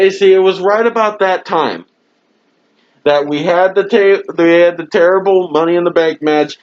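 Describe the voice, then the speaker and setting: A man rants in a fairly high voice, dragging out his words slowly and swearing at almost every turn. He sounds fed up and throws in mocking laughs. The sound is dull and lo-fi, like a cheap mic at home. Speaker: wrestling show reviewer. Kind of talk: profane ranting review. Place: home room.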